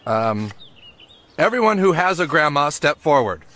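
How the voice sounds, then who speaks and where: A man voicing a hesitant, awkward bearer of bad news in an animated comedy skit. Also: on the high side, unhurried. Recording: very noisy clip with clicks.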